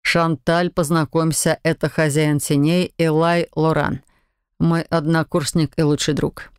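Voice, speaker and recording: A man's voice: on the high side, little pitch movement, a little slow, smooth, no echo, clean studio sound, close to an everyday voice. A reader voicing a young male battle mage who speaks evenly and firmly in an audiobook. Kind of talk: audiobook character reading.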